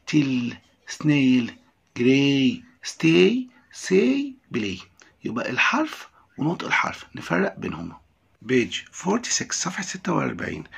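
Gravelly-voiced Egyptian man teaching English. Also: mid-range voice, a bit bright. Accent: Egyptian Arabic. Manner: reads English lines slowly, then explains them in quick Arabic. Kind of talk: textbook lesson explanation.

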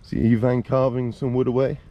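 A man's voice: medium pitch, normal speed, muffled recording, a little hiss or hum. A man casually narrating a camping trip outdoors in a wood, filming on a handheld camera. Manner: relaxed, offhand commentary. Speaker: vlogger. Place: woodland camp, outdoors.

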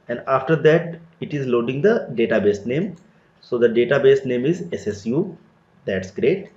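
A man explains a software setup step by step in a plain, methodical tutorial voice. His voice sits at an ordinary middle pitch. The recording is roomy and somewhat dull, with typing heard on a keyboard nearby. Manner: step-by-step, plain explanatory delivery with frequent "so" and "let me". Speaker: tutorial instructor.

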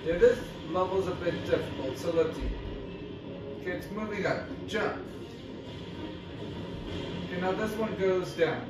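High-voiced man calling game moves. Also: lively intonation, unhurried, pauses often. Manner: calls out each move in short bursts. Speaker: gameplay commentator. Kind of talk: casual play-by-play game commentary. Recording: echoey room, far from mic, game music.

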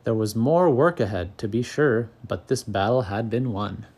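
A man narrating a children's picture book aloud, calm and clear, as the channel's storyteller. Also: fairly low pitch, normal speed.

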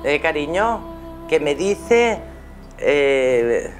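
A woman's voice: deep voice, very animated, very slow. A middle-aged woman with an accent from Spain, speaking affectionately as she gives spiritual advice to a caller as host of a live show. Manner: affectionate, addressing the caller with endearments. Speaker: spiritual guide hosting a live call-in show. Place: small TV studio with curtains. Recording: music playing behind the voice.

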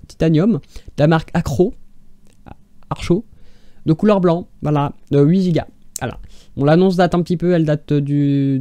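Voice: mid-range voice, dark tone, no room sound. A YouTuber mocking online classified ads in casual commentary. The speaker sounds exasperated and sarcastic and rambles with restarts.

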